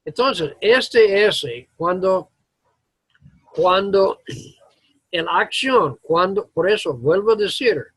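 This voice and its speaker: Un hombre que enseña gramática inglesa en una clase, con explicaciones lentas y entrecortadas, mezclando palabras en inglés. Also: male voice, sits high, lively intonation, fairly bright tone, slightly rough, no echo. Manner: slow, halting explanations mixing English words into Spanish. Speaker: English teacher. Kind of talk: classroom grammar lesson. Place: classroom.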